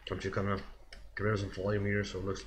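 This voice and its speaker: A man with a somewhat low voice talks through his work on a live stream, relaxed and loose. He thinks aloud, trailing off and correcting himself often. A faint hiss of background noise sits under the voice. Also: fast. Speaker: digital sculpting streamer. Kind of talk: casual live-stream commentary while working.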